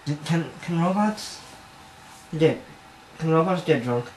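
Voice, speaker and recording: A man's voice: fairly high pitch, animated, unhurried. Rambling man reading fan fiction aloud. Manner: rambling and self-conscious, stumbles over words. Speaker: amateur reader. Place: bedroom at home. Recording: echoey room with background noise.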